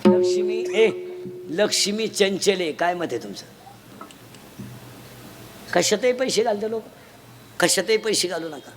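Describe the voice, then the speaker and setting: A man giving a comic kirtan sermon, teasing and shouting questions to children in the audience. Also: sits high, expressive, measured pace, long pauses, faint music behind. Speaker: kirtan preacher. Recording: noisy live event ambience.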